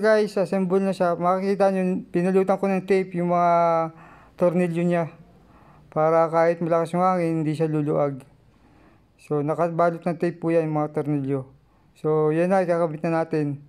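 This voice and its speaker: A man with a Filipino accent giving a casual, polite how-to vlog, halting and repeating his instructions as he goes. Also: high-pitched, darkish tone, smooth. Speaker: vlogger and radio hobbyist.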